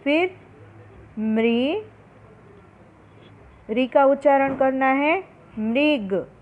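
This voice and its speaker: Slow-spelling woman teacher, tinny sound. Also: high-pitched. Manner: slow, drawn-out pronunciation of each word for students. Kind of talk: Hindi phonics lesson. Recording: tinny phone-like recording.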